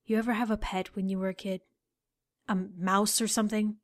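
A woman's voice: medium pitch, little pitch movement, a little fast, no room sound, clean studio sound, natural voice. A woman playing a cutting, sarcastic necromancer. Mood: probing. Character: cold, sharp-tongued female necromancer. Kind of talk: audio drama acting.

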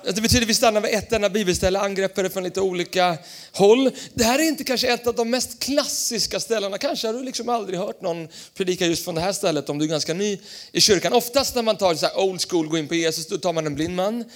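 A young adult man preaching a sermon in a church, energetic and playful, jumping between loud emphatic lines and quiet asides. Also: high-pitched. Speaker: pastor. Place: church hall.

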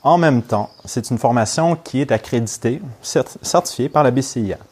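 A young neurofeedback trainer from Montreal, Quebec, Canada, opens a training course in a chatty, informal way and checks in with his class. English is his first language, though he carries a Québécois French accent. His voice is medium-pitched, a little mellow and slightly rough, at a moderate pace.

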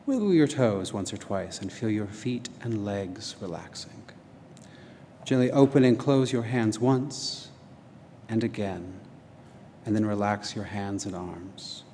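A man leading a guided relaxation meditation in a calm, measured, gently instructing manner. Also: on the low side. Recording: long hall reverb, noisy ambience.

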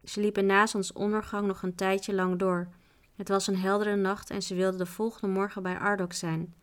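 A woman's voice: medium pitch, level tone, normal speed, smooth. Woman reading a children's book aloud.

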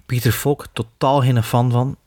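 A man's voice: mid-range voice, steady tone, unhurried, warm tone, dry recording, studio quality. A man with a Flemish accent, co-hosting a podcast and talking about films in a critical, emphatic way with many restarts. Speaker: podcast co-host. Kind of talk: casual film discussion.

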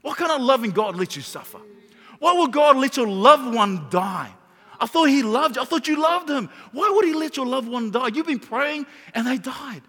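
A man's voice: very high-pitched, lively intonation, moderate pace, pushed and bright, breathy edge, voice pushed up, full character voice. A man voicing the devil as a taunting male doubter, throwing mocking, accusing questions, within his sermon. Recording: long hall reverb.

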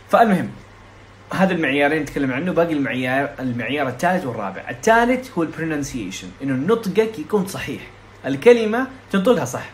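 A young man from Saudi Arabia, tutoring casually for an exam, talking quickly and chattily with frequent restarts and English terms mixed in. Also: a little high, slight background noise. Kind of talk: casual explanatory lesson.

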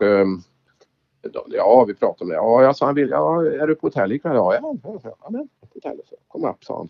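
A man's voice: sits low, vocal fry, breathy edge. A man telling rally anecdotes in casual chat, acting out the exchanges he quotes. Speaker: former rally driver telling stories. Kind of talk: casual storytelling. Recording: dull lo-fi recording.

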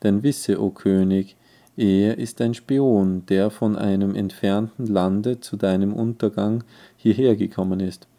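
A scheming court vizier in a storybook reading, voiced by a man, whispering poison into the king's ear with insinuating persuasion. The voice is low and very dark, unhurried. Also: fairly even intonation. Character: scheming male vizier, cunning royal adviser.

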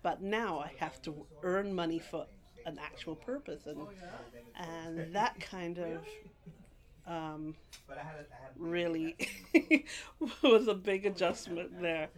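Woman from England, middle-aged, lowish voice, rambling, restarts, laughs, oral history interview. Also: slow, long pauses. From England, grew up partly in Guyana. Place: library.

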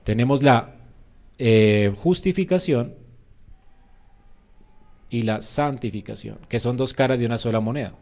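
Emphatic male preacher, mid-pitched. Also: measured pace, pauses often, a little mellow. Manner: emphatic, often asks "¿verdad?"; acts out quoted voices with rising pitch. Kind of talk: sermon.

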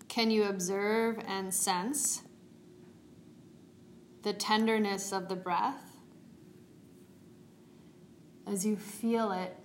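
A woman yoga teacher leading a guided meditation in a calm, meditative, unhurried tone. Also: mid-range voice. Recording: roomy echo, faint background noise.

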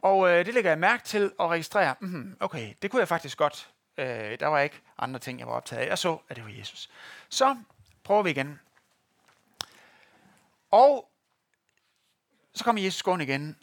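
A man's voice: on the high side, expressive, vocal fry, long pauses, dry recording. A man preaching a sermon to a congregation, telling stories and addressing listeners directly. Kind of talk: sermon with a live demonstration. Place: church in front of a congregation.

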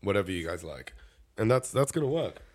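A man's voice: on the low side, sing-song, a little fast. Blunt, swearing male podcast host. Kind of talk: casual podcast chat.

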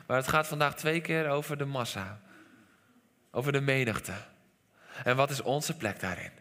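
A Dutch man preaching a sermon as pastor, animated, dropping to quiet lines and sometimes shouting. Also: medium pitch. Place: church hall. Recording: long reverb of a church hall.

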